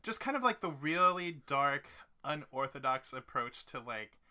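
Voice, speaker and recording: A man's voice: mid-range voice, sing-song, unhurried, pushed and bright. A man co-hosting a casual podcast, recounting scenes in a rambling way full of "like" and restarts. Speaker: podcast co-host. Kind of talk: casual chat.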